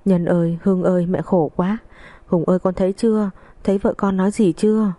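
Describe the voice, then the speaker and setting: A woman's voice: flat delivery, a little fast, mellow, no echo, lightly acted. A woman doing a scolding, spiteful old mother-in-law. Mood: wailing. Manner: shrill, scolding, abusive.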